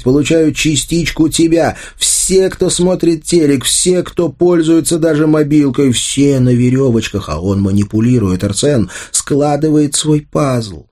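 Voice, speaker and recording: A man's voice: lowish voice, a little mellow, voice pushed up, natural voice. A man reading an audiobook, voicing a frightened young woman who pleads in a tense, urgent voice.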